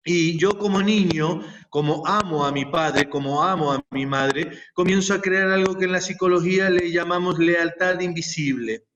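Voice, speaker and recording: A man's voice: high voice, moderate pace, hardly any pauses, fairly bright tone. A man speaking as a guest, explaining his ideas step by step and building them up in repeated lists. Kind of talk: reflective explanatory talk. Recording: distant, muffled mic with faint noise.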